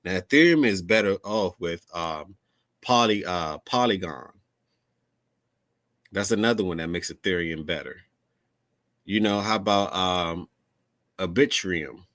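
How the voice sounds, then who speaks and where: A low-voiced man hosting a casual crypto livestream, rambling and chatty with plenty of ums and restarts. He is close on the mic in a dry, dead room. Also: expressive, unhurried, long pauses, fairly bright tone, no echo. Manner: loose and chatty, many fillers and repeats. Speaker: crypto channel host.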